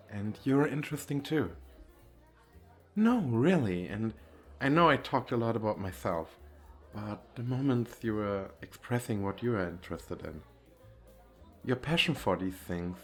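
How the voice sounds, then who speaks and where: In an ASMR roleplay with faint music behind him, a man plays a shy, nervous, wealthy businessman on a speed date. His lowish voice is animated and a little slow as he rambles hesitantly and puts himself down. The intimate, flirty chat comes across as shy and earnest.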